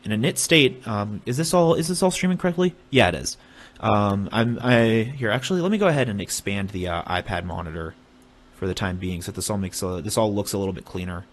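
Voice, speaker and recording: A young man casually explaining a technical topic on a stream, halting with restarts as he draws diagrams. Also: fairly low pitch, expressive. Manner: halting, many fillers and restarts while drawing. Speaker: streamer explaining hardware hacking.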